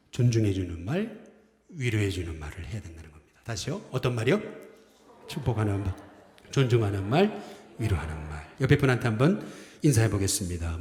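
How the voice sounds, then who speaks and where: Man, middle-aged, pastor, Sunday sermon, call-and-response with the congregation, very roomy church sound. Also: mid-range voice. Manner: lively, acts out quoted phrases. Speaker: senior pastor. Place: church sanctuary. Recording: echoey church hall with long reverb.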